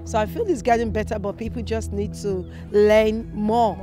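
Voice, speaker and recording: A woman's voice: mid-range voice, fairly even intonation, normal speed, music in the background. A woman and parent speaking in a documentary interview, conversational and loosely phrased.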